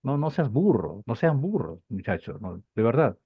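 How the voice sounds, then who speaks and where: A man teaching a Bible class, lively and rhetorical, with lots of repeated phrases and questions to his students. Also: mid-range voice, moderate pace, slightly rough, no room sound. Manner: animated, rhetorical questions and repetition. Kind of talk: class lecture. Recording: dull lo-fi dry recording.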